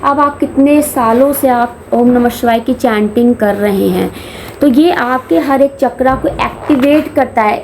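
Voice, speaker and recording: High-pitched woman, spiritual teacher, explanatory, slows on key terms, light background hiss. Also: darkish tone. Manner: mixes Hindi with English phrases, slows for key terms; chants demonstrations mid-explanation. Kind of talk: explaining meditation to a camera.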